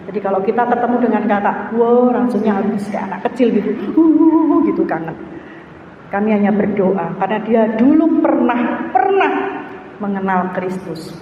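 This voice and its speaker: A middle-aged woman, the pastor's wife, giving an animated church testimony, her pitch leaping up and nearly shouting at emotional peaks. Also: brisk, slight background noise. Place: large church hall. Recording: echoey dull hall recording from far off.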